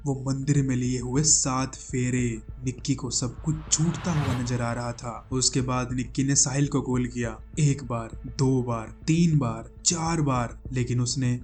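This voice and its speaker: A man narrating a true-crime story dramatically, with suspenseful pauses and repetitions. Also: mid-range voice, fairly even intonation, darkish tone, soft background music.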